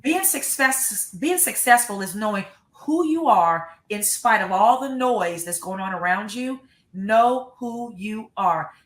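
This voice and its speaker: A woman's voice: mid-range voice, fairly bright tone, reverberant. A middle-aged American woman, a school superintendent, giving earnest, emphatic interview answers and often repeating words. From United States.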